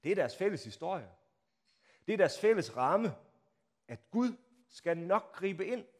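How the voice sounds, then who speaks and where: A man delivers a sermon as vivid storytelling, his somewhat high voice leaping up and down in pitch. He drops to near hushes and then rises to loud, acted-out crowd cries. Rhetorical questions pull the listeners into the scene. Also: sing-song. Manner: dramatic storytelling, acts out crowd shouts. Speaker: pastor. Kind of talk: Palm Sunday sermon.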